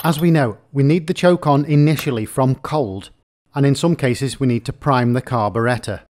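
A man's voice: mid-range voice, moderate pace, a little mellow, slight background noise. A man giving a methodical, step-by-step repair lesson in plain explaining narration. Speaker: repair technician explaining chainsaw faults. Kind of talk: instructional narration.

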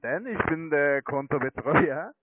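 A telemarketer for online trading accounts speaks a little slowly with a higher voice and lively intonation. Not a native German speaker, he pitches hesitantly in broken phrasing. The recording is dry and comes over a tinny, narrowband phone connection.

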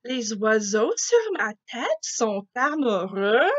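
A woman's voice: on the high side, sing-song, slow, fairly bright tone, lo-fi sound, exaggerated voice. A woman voicing a large, anxious male elephant from a storybook, crying out in alarm. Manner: panicky cries.

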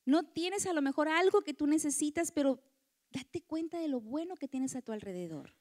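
A woman's voice: high-pitched, expressive, normal speed. A woman giving a motivational talk to women, often asking the audience for agreement. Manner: warm lecturing, acts out quoted voices, asks audience. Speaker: conference speaker.

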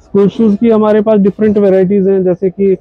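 A man's voice: high voice, flat delivery, fairly quick, no room sound, phone-quality sound. A man in his thirties explaining his company's shoes at a trade expo stall, patient and full of fillers and polite "ji, sir". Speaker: footwear company representative. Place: indoor exhibition hall stall.

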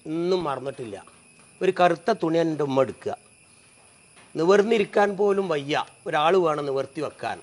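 A middle-aged man, telling an emotional personal story. His voice drops low and soft at the sad moments. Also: animated, normal speed.

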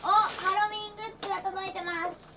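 A teenage woman chatting casually on a livestream, excitable and giggly, with playful gyaru-style slang and silly sound effects. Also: very high-pitched, fast talker. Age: teens. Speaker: idol livestreamer. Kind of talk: casual livestream chat, showing gifts. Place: small decorated room indoors. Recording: faint background noise.

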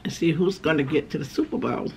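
Woman in her 50s w gravelly voice, talking w mouth full, casual eating vlog at home, bit noisy. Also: deep voice, lively intonation, fast talker, a little mellow. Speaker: mukbang vlogger. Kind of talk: casual chat while eating. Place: dining room at home, indoors. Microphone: camera on the table at arm's length.

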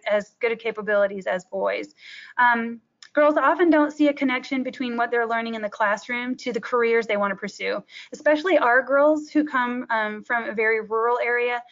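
A woman's voice: on the high side, a bit bright. A middle-aged woman presenting a school webinar on her teaching programs, talking earnestly with frequent ums as she goes through slides. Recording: muffled lo-fi webinar audio.

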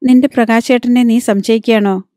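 A woman's voice: a little high, fairly even intonation, normal speed, mellow, no room sound, clean studio sound, natural voice. A woman voicing a troubled young husband who presses his wife with hurt questions, in an audiobook reading. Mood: hurt, pressing.

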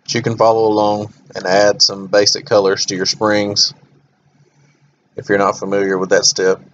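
A man with a monotone voice hosting a software tutorial, talking through each step as he clicks, with some fillers. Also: on the low side, moderate pace, highs cut off, slight background noise. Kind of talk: screen-recorded software tutorial.

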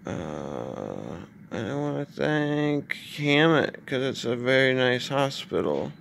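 A young man, groggy from anesthetic, talking in a halting, drowsy way in a casual video diary. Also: medium pitch, sing-song, creaky, fairly bright tone, slight background noise. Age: young adult. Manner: slow, halting, drowsy delivery. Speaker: vlogger. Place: hospital room, lying in bed. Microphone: phone at arm's length.

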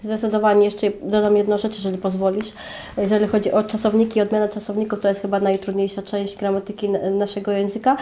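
This young Georgian woman, a guest, explains her native language in a Georgian accent, speaking quickly and thoughtfully with many fillers. Her mid-range voice has a dark tone and a completely flat delivery. She's in a small indoor room with a flag behind her.

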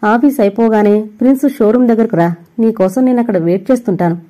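A woman's voice: fairly high pitch, fast, dark tone, close to an everyday voice. A woman voicing a commanding, smug wealthy male boss in a storybook reading, speaking in a teasing, bossy way.

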